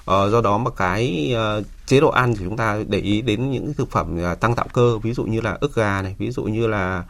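A man's voice: lowish voice, moderate pace. A man speaking as an expert doctor, explaining health advice step by step with hesitant starts.

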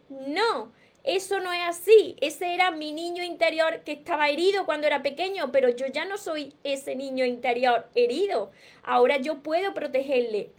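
A personal growth coach with a Spain Spanish accent and a notably high voice hosts a live self-help stream. Earnest and teacherly, she often repeats herself for emphasis and responds to her viewers' comments.

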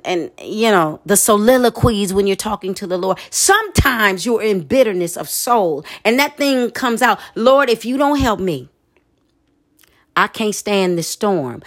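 A woman preaches a sermon. Her delivery is expressive and conversational, and she breaks into dramatic asides. Her voice sits in a middle pitch.

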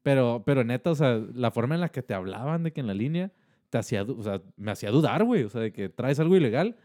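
A man talks on a podcast in a loose, joking way, full of slang. His pitch sits in the middle, and he keeps an easygoing tone. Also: animated, quick pace, mellow. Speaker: podcast host. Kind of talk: casual chat.

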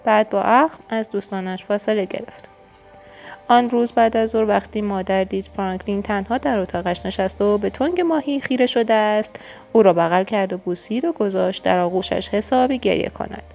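A woman reading a children's storybook aloud in a calm narrating voice. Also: medium pitch, vocal fry, faint music behind.

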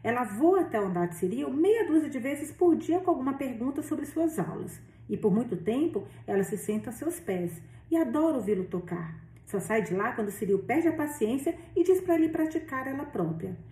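A woman reading the lines of a worried, insistent older aunt, a little higher than her narration. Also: big pitch swings, normal speed, hardly any pauses, mellow. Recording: roomy echo, distant mic.

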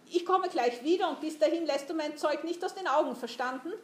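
A woman's voice: high voice, fairly quick, slight background noise, pitched above the performer's own voice, natural voice. A woman voicing a rude male ship officer barking orders in a storybook reading. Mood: bossy. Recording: roomy echo.

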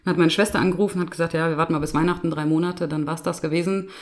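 Female guest author, 30s, from Germany; lively, self-deprecating anecdotes in a home living room. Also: low voice, racing. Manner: animated, self-deprecating storyteller who laughs while talking. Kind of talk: casual interview storytelling.

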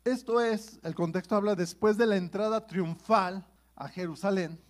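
High-voiced man preaching. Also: moderate pace. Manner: conversational preaching with frequent "¿sí?" checks to the congregation. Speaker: pastor. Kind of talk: sermon.

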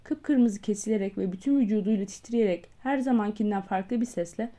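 A woman reads a classic novel aloud with measured, even storytelling. Her voice has a soft, mellow warmth at a middle pitch. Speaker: audiobook reader. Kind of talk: scripted literary narration.

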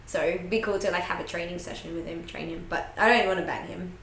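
A woman in a casual chat, teasing and quick to laugh. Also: lowish voice, steady tone, gravelly, fairly bright tone. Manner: giggly, teasing, laughs often. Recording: echoey room, faint background noise.

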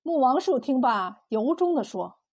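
A woman narrating a historical tale in a steady storytelling manner. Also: sits high, a little slow.

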